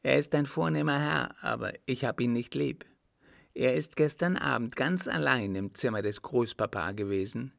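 A man reading aloud and voicing an eager, bright little boy who asks earnest questions. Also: mid-range voice, moderate pace, creaky, no echo, studio quality, pitched above the performer's own voice.

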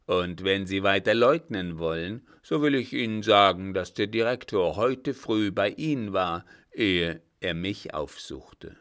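A man voicing a scornful old captain who mocks and threatens a woman, loud and harsh. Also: on the low side, unhurried, few pauses. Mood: threatening.

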